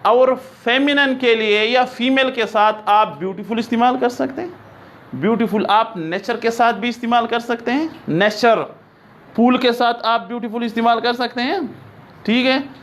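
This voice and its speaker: A man teaching an English grammar lesson, reading example sentences slowly and often checking that his students understand. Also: very high-pitched, a bit bright. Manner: explains in Urdu, reads English examples slowly.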